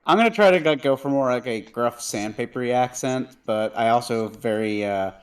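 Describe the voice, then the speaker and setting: A man chatting casually on a group call as a tabletop player, tossing in quick joking asides. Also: mid-range voice, clear, resonant tone.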